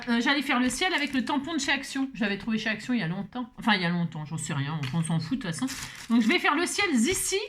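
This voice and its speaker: A chatty woman with a fairly high voice talks viewers through a crafting tutorial. Her delivery is playful and self-mocking, with teasing asides. A faint hiss sits under her voice. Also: bright, forceful tone. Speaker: card-making crafter.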